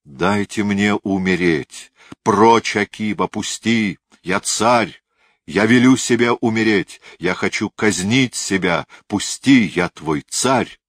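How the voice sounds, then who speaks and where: A man's voice: sits low, takes it slowly, a bit bright, no room sound, clean studio sound. A man voicing a dying old tyrant king who rages and issues commands in delirium. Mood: raging. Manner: raving, commanding outbursts.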